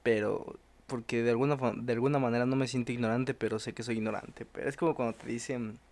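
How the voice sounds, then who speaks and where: A man's voice: mid-range voice, fairly even intonation, fast talker, darkish tone. A young Mexican man in casual podcast chat, thinking aloud with many restarts. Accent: Mexican Spanish. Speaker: podcast co-host.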